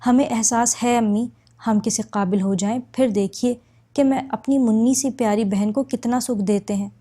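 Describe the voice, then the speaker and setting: A devoted eldest brother, as a woman narrator reads him, speaking in heartfelt, solemn tones. The voice is mellow and unforced. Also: on the high side, fairly even intonation, lightly acted. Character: young man, devoted eldest brother, emotional.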